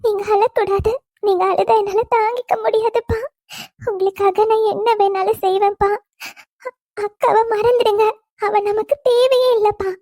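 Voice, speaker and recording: An earnest young daughter in a cartoon, talking with steady resolve about standing by her father. The voice sits very high and mellow, and the sound is close and dry. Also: normal speed, dry recording. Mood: tearful. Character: dutiful young woman devoted to her father. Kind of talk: cartoon voice acting.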